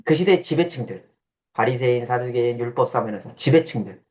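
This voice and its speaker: A man's voice: medium pitch, animated, brisk, darkish tone. A man giving a casual classroom lecture, blunt and teasing, who quizzes his listeners and acts out coarse quoted voices. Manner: blunt and teasing, questions the audience. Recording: dull lo-fi sound.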